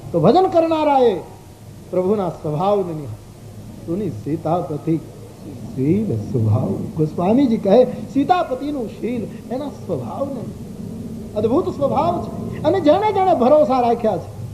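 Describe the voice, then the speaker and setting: A man's voice: high-pitched, unhurried, noisy background. A man telling a devotional story as a sermon, singing verses and acting out the characters' voices. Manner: expressive, acts out the characters' voices. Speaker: religious storyteller. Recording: dull old live recording with faint music.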